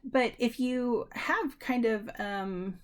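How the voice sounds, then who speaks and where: A woman's voice: on the high side, slow pace. A woman giving a university lecture in a conversational way, with frequent ums and restarts, talking straight to her students. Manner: addresses students directly. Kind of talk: recorded lecture.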